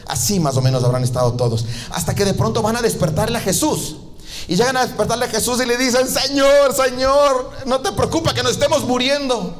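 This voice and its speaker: A man preaching a sermon as pastor, telling the story lively and acting out the voices of the people in it. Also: a little hiss or hum. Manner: animated storytelling, acting out voices with big pitch jumps.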